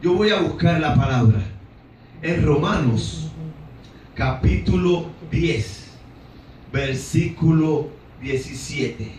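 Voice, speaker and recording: A high-pitched man preaches slowly and fervently, breaking in again and again with hallelujahs and acting out the cries of the people in the story. His voice rings through an echoey church hall, picked up from some distance, with a faint hum of the room behind him. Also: lively intonation, darkish tone. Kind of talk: sermon.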